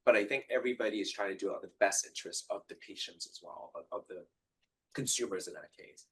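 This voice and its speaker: Husky lowish guy from hong kong, panel answer, lots of ums and restarts. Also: fast, low-quality recording. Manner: hesitant, many fillers and restarts. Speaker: panelist, genetic counselor. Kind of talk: live panel discussion.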